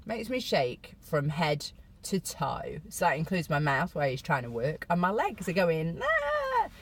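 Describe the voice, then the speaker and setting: A middle-aged British woman chatting casually to camera, telling a personal story with self-mocking humour and sudden high jumps for emphasis. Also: expressive, a little slow, husky. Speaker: vlogger.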